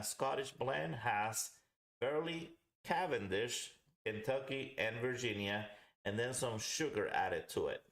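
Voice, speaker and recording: Man, casual livestream host, mid-range pitch, rambling explanations, echoey room. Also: a bit bright. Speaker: host of a live pipe tobacco review. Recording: roomy, echoing home recording.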